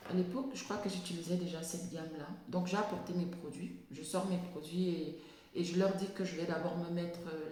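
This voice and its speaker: A woman's voice: fairly low pitch, a little mellow, slight background noise. Lisping woman in a very echoey room. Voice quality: lisp on s sounds. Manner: halting, repeating words as she searches. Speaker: video blogger on natural hair. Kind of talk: casual explanatory monologue with anecdotes.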